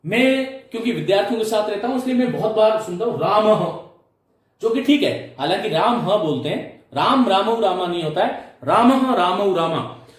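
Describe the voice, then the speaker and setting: A man teaching Sanskrit grammar in a classroom lecture, explaining slowly, repeating terms and quizzing his students. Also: high-pitched, lively intonation, far from the mic. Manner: chants declension tables in a sing-song. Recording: very echoey room, off-mic.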